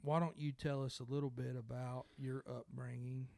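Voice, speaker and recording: A male podcast host with a gravelly, creaky voice chats casually at a table mic. His speech is halting and self-correcting, with a light joking tone. The sound is dry and close, with no room echo. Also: mid-range voice, flat delivery, a little mellow. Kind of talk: casual conversation. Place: indoor room by a window.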